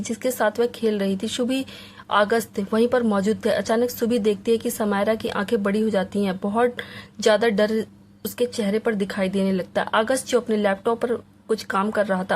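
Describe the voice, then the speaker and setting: A woman narrating a Hindi audio novel in a dramatic, expressive reading style. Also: medium pitch, a little hiss or hum. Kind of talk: scripted story narration.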